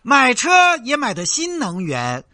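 A man voicing a mocking recorded chant of a self-confessed cheat, slow and sing-song. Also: very high-pitched, wildly swooping pitch, bright, forceful tone, dry recording, studio quality, pitched above the performer's own voice, full character voice.

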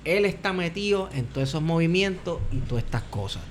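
A man's voice: a little high, animated, brisk, a crowd in the background. A man with a Caribbean Spanish accent, casually discussing politics as a podcast panelist. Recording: clearly noisy background ambience.

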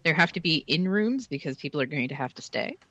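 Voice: medium pitch, animated, fast talker, pushed and bright, no room sound, lo-fi sound. A player in a tabletop game, joking and playful. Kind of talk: tabletop role-play chat.

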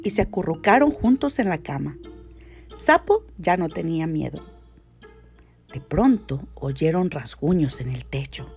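A woman reading a children's story aloud, gentle and expressive, hushing her voice in the tense parts. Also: sits low, a little slow, faint music behind.

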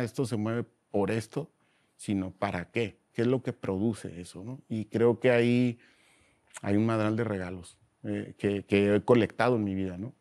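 A guest in a casual interview speaks with a Mexican Spanish accent and a fairly low pitch. He talks in slangy, animated bursts and acts out voices while telling stories.

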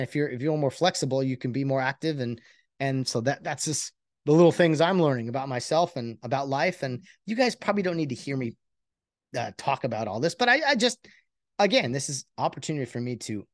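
A man's voice: medium pitch, no echo. Brief: man, podcast host, earnest rambling monologue, mid-range voice, very dry. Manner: rambling, earnest, self-reflective; halting with many restarts and fillers. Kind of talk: casual solo podcast monologue.

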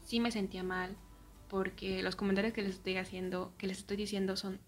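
A young woman with a Mexican accent telling a personal story in a casual way, often dropping into soft, near-whispered asides. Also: mid-range voice, little pitch movement, fairly quick.

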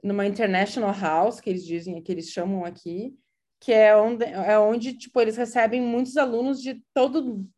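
A Brazilian woman with a gaúcho accent of Brazilian Portuguese is being interviewed, giving a casual conversational account. She's hesitant, full of fillers and restarts. Her medium-pitched voice is warm and steady at normal speed.

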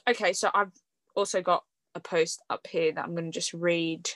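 A woman's voice: on the low side, fairly even intonation, moderate pace, fairly bright tone, dry recording. A young woman hosting a podcast, chatting casually with frequent fillers and light laughs. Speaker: podcast host. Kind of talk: casual conversational podcast chat.

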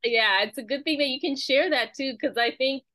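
A woman hosting a podcast interview in casual chat, reflective and animated when she quotes herself, and a mother herself. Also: high-pitched, moderate pace, over a noisy crowd. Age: adult with children. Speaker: podcast host.

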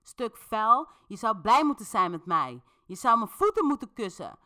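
A woman voicing an angry woman who yells insults at a waiter. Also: sing-song, normal speed. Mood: furious. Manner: shrill, insulting, yelling. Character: furious loud woman lashing out.

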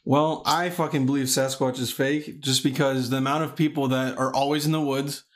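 A man's voice: mid-range voice, steady tone, normal speed. Young man, profane rambling chat. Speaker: podcast host. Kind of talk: casual chat.

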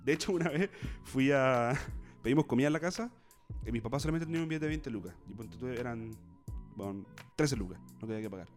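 A man's voice: medium pitch, expressive, fast talker, soft background music. A young Chilean man co-hosting a podcast, chatting casually with lots of slang and swearing. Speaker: podcast co-host. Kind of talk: casual chat.

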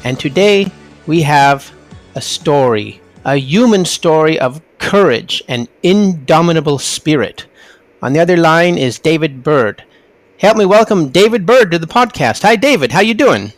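A man's voice: fairly high pitch, lively intonation, measured pace, dry recording, faint music behind. A man hosting a podcast in a casual, chatty interview style. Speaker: podcast host.

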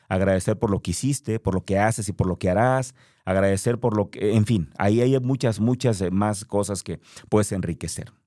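A man's voice: lowish voice, mellow, no echo, studio quality. A man hosting a podcast, speaking earnestly and directly to the listener in a reflective motivational monologue. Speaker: podcast host.

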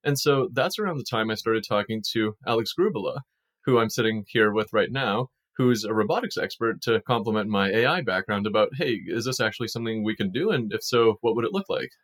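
A young man, a startup founder from Ukraine raised in the US, calmly telling his story in an interview. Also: lowish voice, fairly quick. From Ukraine, raised in Kansas and Massachusetts. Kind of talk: casual interview answers.

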